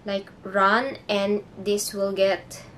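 In her bedroom, a young woman whose first language is Filipino records a casual haul vlog amid slight background noise. Her medium-pitched, fairly bright voice stays level and extremely slow, and she hunts for English words in a hesitant, chatty way.

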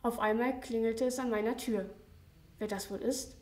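A young teenage girl reading her own comic first-person story aloud at a school reading, with a steady, plain delivery. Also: on the high side, normal speed. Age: young teen. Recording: roomy, distant mic.

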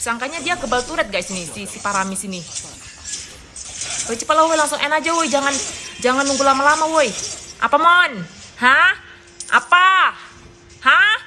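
A woman streaming a mobile game with excitable, chatty commentary, swearing and calling out to her viewers while fighting a cold and cough. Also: sits high, fast talker, pauses often. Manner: excitable, chatty, swears, keeps saying "guys". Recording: noisy background.

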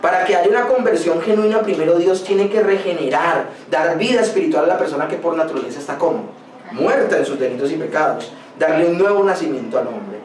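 High-voiced preaching man, echoey hall. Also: lively intonation, a little fast. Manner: emphatic preaching with rhetorical questions and personal anecdotes. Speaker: pastor. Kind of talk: sermon. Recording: echoey room, voice from a distance, faint noise.

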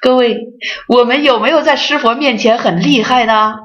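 A middle-aged woman, president of an association, gives a Buddhist dharma talk in a fairly high voice at a moderate pace. She tells stories, voices the people she quotes, and addresses her listeners directly. The recording is dull and lo-fi.

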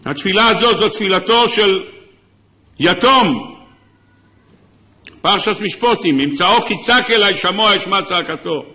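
A man's voice: high-pitched, expressive, long pauses, sharp tone. A man, a rabbi, giving an impassioned sermon, sometimes crying out. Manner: impassioned preaching, crying out in places.

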